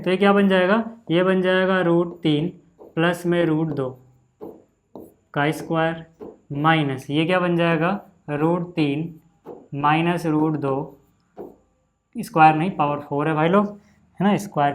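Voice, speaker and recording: A man teaching a maths lesson in a relaxed, chatty way, often saying "okay" and calling his students "brother". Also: on the high side, normal speed. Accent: Hindi. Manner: casual, repeats "ठीक है" and "भाई" often. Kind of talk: screen-recorded maths lesson.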